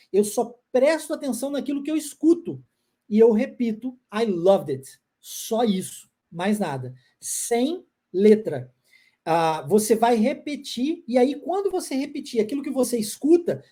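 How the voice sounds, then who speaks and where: A Brazilian woman leads a live online pronunciation class, her voice husky and a little breathy. Her pitch rises and falls expressively. She drills phrases patiently and keeps asking if the learners are following. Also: dark tone. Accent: Brazilian Portuguese. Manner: encouraging, drills phrases slowly with repeated check-ins. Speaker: English pronunciation teacher.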